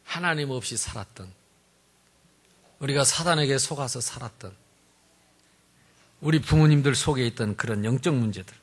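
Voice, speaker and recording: A male pastor preaching a sermon in an animated, humorous way, swinging between loud emphasis and quiet asides. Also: mid-range voice, moderate pace, pauses often, husky.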